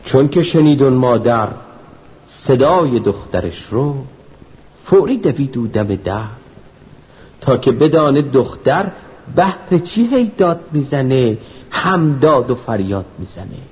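A man narrating a children's story in rhyming verse, telling it with lively storytelling. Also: medium pitch. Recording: dull lo-fi recording, faint music.

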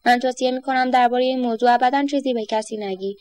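A kind, patient retired old professor from a storybook, calm and unhurried in his advice, as a woman reader puts him on. The voice stays fairly high with a dry, close sound. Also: no room sound, lightly acted.

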